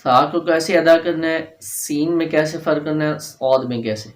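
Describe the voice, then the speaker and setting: A man teaching a tajweed lesson, patiently repeating each letter slowly and chanting verses in drawn-out recitation. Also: on the high side, reverberant.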